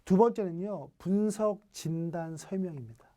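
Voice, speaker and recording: A lecturer with a mellow, warm tone delivers an online training session. The talk is full of rhetorical questions. Short snippets of dialogue are acted out to make each point. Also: medium pitch, moderate pace. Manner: asks rhetorical questions, acts out quoted dialogue.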